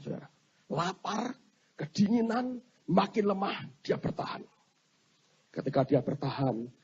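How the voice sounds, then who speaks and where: Animated, husky preacher telling a story. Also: male voice, on the high side. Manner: animated, addresses congregation as 'saudara'. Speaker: pastor. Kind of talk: sermon storytelling. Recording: dull lo-fi sermon recording.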